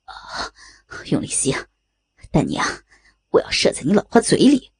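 A woman's voice: wildly swooping pitch, moderate pace, full character voice. A woman voicing a crude, sneering male thug who taunts and leers in an erotic audio story. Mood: lewd. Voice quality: gravelly, husky low voice. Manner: mocking, leering taunts.

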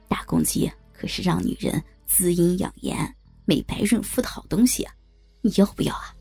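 A woman's voice: fairly low pitch, normal speed, vocal fry, dark tone, slightly rough, soft background music, voice pushed down. A woman voicing a sly, lecherous old man with a leering, teasing drawl.

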